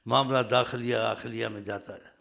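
A man speaking as a spiritual leader in a religious talk to his followers, scolding and emphatic, often growing loud and fiery. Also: medium pitch, fairly even intonation, gravelly.

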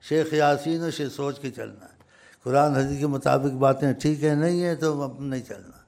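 Gravelly older man preaching. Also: mid-range voice. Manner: rambling, emphatic, swings between loud stresses and soft drops. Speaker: religious speaker. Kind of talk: informal sermon.

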